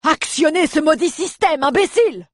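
A narrator pushes the voice up high to play a furious army general who barks orders at his men and spits contempt at every failure. The voice is raised and loud, husky at the edges, with a dry close sound. It is storybook reading. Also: animated, moderate pace, no room sound, exaggerated voice. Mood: shouting, furious. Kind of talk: audiobook character voice.

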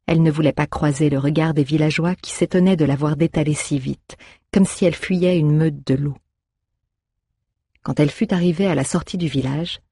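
An audiobook narrator reading a children's adventure story in a steady storytelling manner. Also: medium pitch, slightly rough, no echo, studio quality.

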